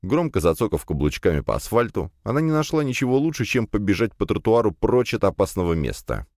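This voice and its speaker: A man narrating a fantasy audiobook in the first person, in a lively storytelling manner. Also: on the low side, a little fast, dry recording. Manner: lively storytelling with acted dialogue. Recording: dry close studio.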